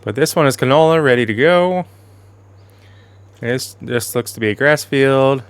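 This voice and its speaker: A man giving casual, rambling commentary over a farming game while losing his voice, clearing his throat now and then, with soft music behind. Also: medium pitch, lively intonation, unhurried. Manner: rambling, self-correcting, chatty. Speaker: gaming channel host.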